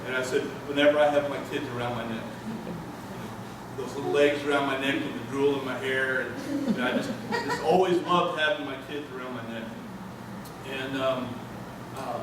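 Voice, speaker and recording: A man's voice: medium pitch, normal speed. Older man chatting informally in an echoey room. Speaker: author, speaker at a reading. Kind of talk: informal talk to an audience. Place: echoey room before a live audience. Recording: echoey room, far from mic, noisy.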